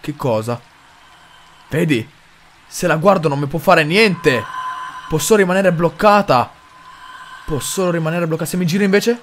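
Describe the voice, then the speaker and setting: A young man commenting on a horror game as he plays, excitable, with mild cursing and lots of talk to his viewers. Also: fairly high pitch, normal speed, long pauses, slight background noise. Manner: excitable, swears mildly, addresses viewers. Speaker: gaming video host.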